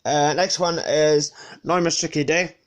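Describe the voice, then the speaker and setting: In an unscripted show-and-tell, a man with a sniffly cold walks through his collection, pausing to hesitate and correct himself. He speaks a little high and unhurried, in a steady tone, with slight background noise in the recording.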